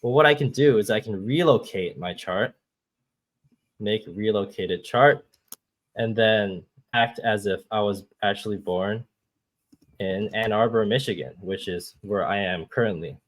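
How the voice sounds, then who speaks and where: Over a video call, a guest astrologer from Hong Kong patiently explains things step by step while sharing his screen. He has a lowish voice and an unhurried delivery.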